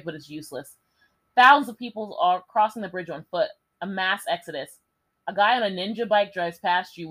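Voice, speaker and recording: Young woman host, lively reader with foul-mouthed asides. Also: fairly low pitch, rough recording. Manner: lively, swears and jokes between passages. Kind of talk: reading a gamebook aloud.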